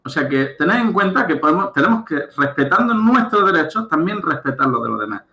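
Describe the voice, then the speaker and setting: A man's voice: a little high, very animated, a little fast, sharp tone, reverberant. A man giving a recorded lecture as a coach, explaining step by step and often checking understanding with "right?". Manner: explanatory, checks understanding with frequent "¿de acuerdo?" and "¿vale?".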